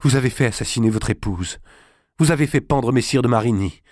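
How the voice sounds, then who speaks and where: A man's voice: a little fast, darkish tone, no room sound, studio quality, lightly acted. A man playing a devout, resolute young queen, speaking firmly and accusingly in a storybook reading. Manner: firm and accusing, raised high.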